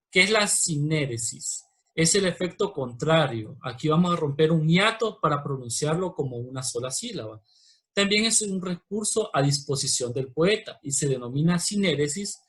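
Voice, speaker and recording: A Honduran man with a Honduran Spanish accent and a fairly high, somewhat bright voice teaches a recorded virtual class. He is patient and explanatory, slowing down to spell out examples.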